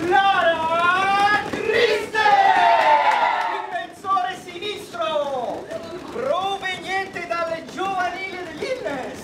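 A middle-aged man calls out a starting lineup in a theatrical arena style. His delivery is extremely drawn out. He is heard from a distance in an echoey room full of crowd noise. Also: very high voice. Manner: theatrical, builds up each name. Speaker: team staff member announcing the starting lineup. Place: crowded team locker room. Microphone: distant camera mic, hockey stick held as pretend mic.

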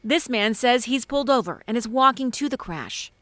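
A woman news reporter reading a measured, grave voice-over. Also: a little high, animated, fairly bright tone, no room sound.

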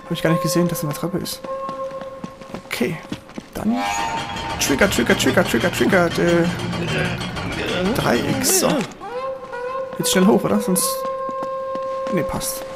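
A man giving excitable gameplay commentary, swearing at enemies and cheering himself on. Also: sits high, slow pace, pauses often. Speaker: let's player. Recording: voice over game music and gunfire.

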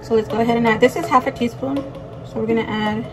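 A woman's voice: on the high side, fairly even intonation, brisk, music in the background. A woman vlogging in a casual, chatty way, switching between Spanish and English mid-sentence and talking straight to her viewers. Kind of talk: casual vlog chat.

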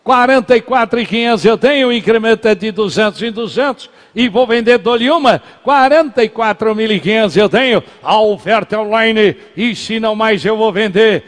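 High-voiced auctioneer in a hall. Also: male voice, normal speed, hardly any pauses. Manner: repetitive bid chanting. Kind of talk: auction calling. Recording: reverberant hall.

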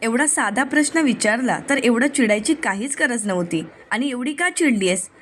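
A woman's voice: a little high, animated, moderate pace, fairly bright tone, slight background noise. A woman voicing a stern middle-aged mother-in-law in a plain read-aloud voice. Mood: scolding.

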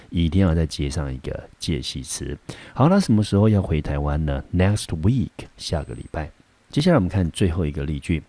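A man teaches English vocabulary in a low, mellow voice. He spells words out and says the example sentences slowly and carefully, one word at a time, as a classroom teacher does. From Taiwan. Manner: slow careful word-by-word pronunciation. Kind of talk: vocabulary lesson.

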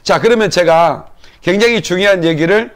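A male pastor delivering a teaching sermon in a notably high voice for a man. He lays out his points one at a time, pauses to ask the congregation whether they follow, and invites them to answer amen. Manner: asks the congregation questions and calls for amens; explains slowly step by step. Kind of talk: sermon-style Bible lesson.

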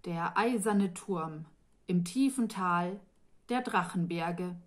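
A woman's voice: on the low side, slow. A woman voicing an earnest, restless young male sorcerer apprentice in a fantasy audiobook, with an insistent, impatient way of asking and ordering. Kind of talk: audiobook reading of a fantasy novel.

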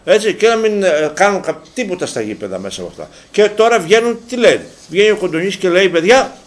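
High-voiced ranting man host. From Greece. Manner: animated, ranting, rhetorical questions. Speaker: local TV sports show host. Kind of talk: casual talk-show commentary. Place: local TV studio.

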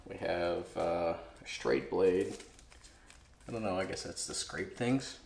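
A man in his forties with a low, gravelly voice speaks slowly as he hosts a casual tool review vlog for his woodworking channel. Thinking aloud with plenty of fillers, he records on a camera mic in his home garage workshop, where the sound is echoey and the background noise loud.

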